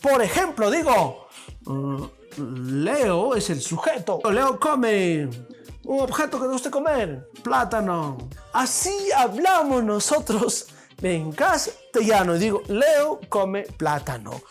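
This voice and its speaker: Animated male teacher, lively pitch. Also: slow, faint music behind. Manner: animated, asks questions and answers them himself. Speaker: language teacher. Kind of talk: classroom lesson on linguistics.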